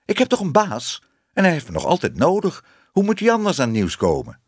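A man's voice: fairly high pitch, wildly swooping pitch, fairly quick, slightly rough, no room sound, clean studio sound, voice pushed up, heavily acted. A man reading a storybook, voicing a shy young woman who was once a cat, hesitant and pleading. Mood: anxious.

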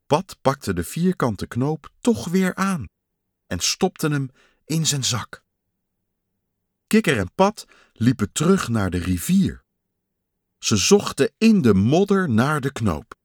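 A man reads a children's story aloud, slowly and expressively. His mid-range voice rises and falls a lot. The recording is dry and close, with no room sound. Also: medium pitch, very animated, dry recording.

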